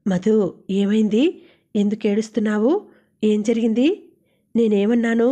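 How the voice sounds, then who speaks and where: A woman's voice: mid-range voice, flat delivery, moderate pace, mellow, lightly acted. A woman voicing a cheerful young female roommate who teases and fusses over her friend. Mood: teasing. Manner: teasing, fussing.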